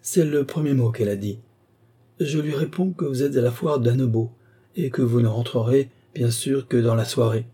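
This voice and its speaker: A man doing a husky gossipy old servant woman. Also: medium pitch, normal speed, mellow, natural voice. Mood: gossiping. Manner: breathless storytelling, exclamatory. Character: chatty old female country servant, gossipy.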